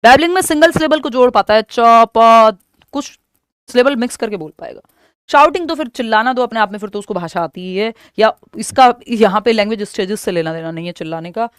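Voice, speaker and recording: A woman teacher talks through exam questions one at a time, slipping English terms into her explanations. Her voice sits high. The recording is dry and close, with no room around it. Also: lively intonation, fast talker, clean tone, no room sound. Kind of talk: exam-prep lesson.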